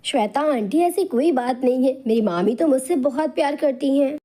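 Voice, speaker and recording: A woman voicing a meek, mistreated young orphan woman who pleads timidly in an animated storybook. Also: sits high, normal speed. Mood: pleading.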